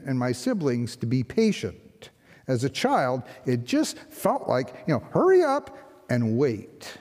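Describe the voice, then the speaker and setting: Older pastor preaching slowly in a reverberant church. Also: male voice. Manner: conversational, rhetorical questions, lively pitch swings. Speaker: interim pastor. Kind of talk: sermon. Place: large church sanctuary, behind a lectern. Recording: long hall reverb in church.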